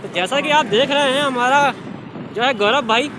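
A young man with a very high voice banters and jokes while riding through city streets. Traffic and street noise run clearly behind him, picked up by a camera held at arm's length. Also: moderate pace. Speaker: vlogger. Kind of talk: casual vlog chat. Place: on a moving scooter on city streets.

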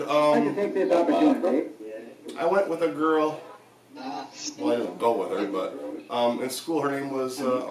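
Addressing spirits in a casual vlog, a spirit box session host speaks haltingly with frequent pauses in a mid-range voice. He sits in a small home room with guitars, the camera a few feet off across a desk, so the sound is echoey and distant, with loud chatter behind.

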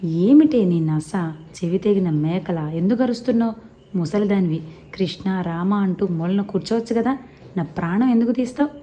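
A woman's voice: medium pitch, animated, moderate pace, dark tone, lightly acted. Woman doing a short-tempered young husband. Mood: irritated. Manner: snapping, irritated. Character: irritable young married man, short-tempered.

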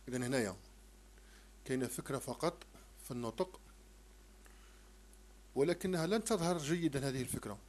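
A man teaching a primary-school French lesson, slowly sounding out syllables and repeating them. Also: on the high side, mellow. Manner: slow, repetitive, sounds out syllables.

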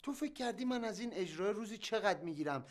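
Whiny young brother who grumbles and sulks, sitcom. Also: male voice, high-pitched, expressive. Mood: complaining. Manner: whiny, complaining. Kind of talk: TV sitcom acting.

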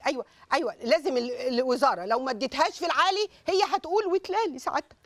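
A woman's voice: high voice, racing, fairly bright tone. An actress with an Egyptian accent playing a self-important, indignant middle-aged woman prison warden and mother in a TV comedy series. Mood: fawning. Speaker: police brigadier, prison warden. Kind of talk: TV comedy drama acting.

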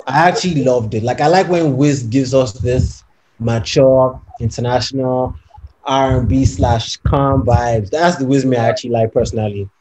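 A young man with a medium-pitched voice and moderate pace co-hosts a casual podcast over a video call from home, arguing his side emphatically and persuasively in an animated way. It's a friendly debate, and he keeps asking "you know what I'm saying" to check he's understood. The audio is poor, with a little hiss or hum.

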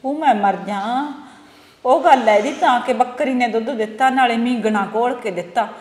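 A woman's voice: a little high, moderate pace, darkish tone, roomy sound, big-room sound, lightly acted. An actress playing a wronged older mother-in-law who laments and sighs, with a Punjabi accent. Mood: aggrieved. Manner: lamenting, sighing complaints.

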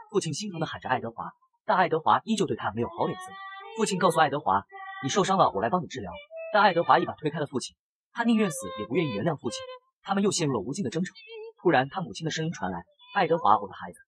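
A man narrating a comic story recap in brisk, scripted storytelling on a close mic. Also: on the high side, big pitch swings.

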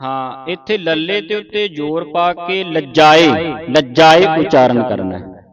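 Slow man chanting a recitation lesson. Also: a little high, very animated, over music. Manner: chants verse lines, then explains pronunciation in quick asides. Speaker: Gurbani pronunciation teacher. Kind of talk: slow, patient recitation lesson, repeating words and spelling them out.

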